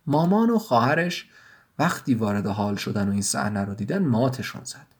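A man reading his own written story aloud in a measured, even storytelling manner. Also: mid-range voice, husky. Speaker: writer and narrator. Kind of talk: scripted story narration.

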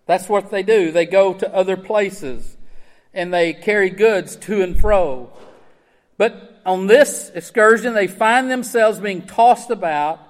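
High-voiced man preaching in a reverberant hall. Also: takes it slowly. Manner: earnest, emphatic preaching with rhetorical questions. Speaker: pastor. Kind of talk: sermon.

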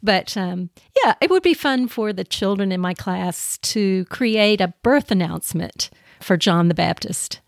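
A woman speaks in a casual podcast chat about teaching children, her tone gentle and eager. She often restarts her sentences. The sound is dry and close, with no room around it. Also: mid-range voice, unhurried, gravelly, dry recording.

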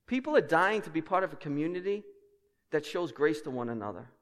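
Male preacher, fairly high voice, big reverberant hall; emphatic sermon built on repetition. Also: big pitch swings, brisk. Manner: repetitive, emphatic phrasing with rhetorical questions. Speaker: pastor. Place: large indoor church hall. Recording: echoey hall with long reverb.

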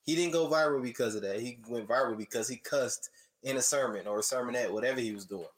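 A man's voice: medium pitch, quick pace, poor audio. A man in a casual conversation, speaking earnestly and with emphasis about faith. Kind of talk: casual chat.

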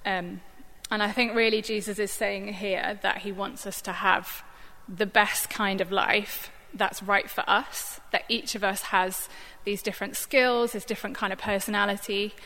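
A woman's voice: mid-range voice, steady tone, moderate pace, hardly any pauses, sharp tone. A woman who works for a church gives an informal, thoughtful Bible reflection, talking conversationally with plenty of fillers. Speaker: church staff member giving a Bible reflection. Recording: long hall reverb.

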